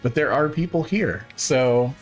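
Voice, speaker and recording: A man's voice: mid-range voice, expressive, a little slow, faint music behind. A man hosting a casual live game stream, chatting in a playful, rambling way with many fillers. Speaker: streamer host.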